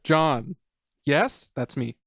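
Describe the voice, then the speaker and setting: A man with a fairly high, lively voice, joking around with friends on a podcast. He laughs often and jumps into silly bits, recorded dry and close. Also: extremely slow, vocal fry, no echo. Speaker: podcast co-host. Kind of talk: casual chat among friends.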